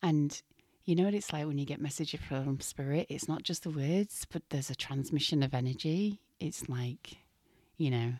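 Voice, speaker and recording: A low-voiced woman speaks slowly and gently, her voice still recovering and now and then falling to a whisper. It sounds dry and close, with no room around it. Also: no echo. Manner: soft, slow and gentle, drifting into whispers. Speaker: spiritual podcast host. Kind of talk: casual spiritual podcast talk.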